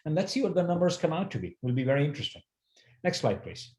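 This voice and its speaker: A man's voice: on the high side, big pitch swings, quick pace, a little mellow. A man who teaches supply chain management, presenting slides on a video call in an earnest way, with many fillers and restarts. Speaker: university supply chain educator. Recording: roomy echo.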